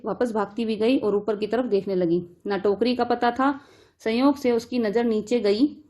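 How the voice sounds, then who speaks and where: A woman's voice: medium pitch, darkish tone. A woman teacher reading a story aloud and restating each line in simple words for students.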